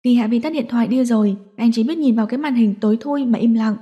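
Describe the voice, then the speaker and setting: A woman reading a dramatic audio story as narrator, steady and scripted. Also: fairly high pitch, fast talker, dull audio.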